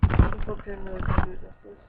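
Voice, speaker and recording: A young woman talks through a dental retainer in a casual, candid vlog style, with little rise and fall in her voice. The recording is narrow and lo-fi, with clear background noise. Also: mid-range voice, flat delivery, normal speed. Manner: slightly impeded speech from wearing a dental retainer. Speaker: vlogger. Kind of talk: casual chat to camera. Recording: noisy, dull narrow-band home recording.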